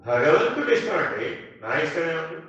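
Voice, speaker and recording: A man's voice: fairly high pitch, very animated, a little fast, a bit bright. A male spiritual teacher giving a satsang talk with a Telugu accent, asking his listeners the same questions again and again to coax answers. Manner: asks the audience questions again and again, coaxing. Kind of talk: satsang discourse to an audience. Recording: roomy, distant, dull hall recording.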